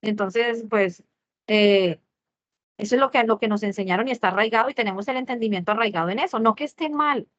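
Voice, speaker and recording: A woman's voice: mid-range voice, fairly quick. A woman teaching a church Bible class, earnest and repeating her key phrases for emphasis. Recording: muffled lo-fi audio.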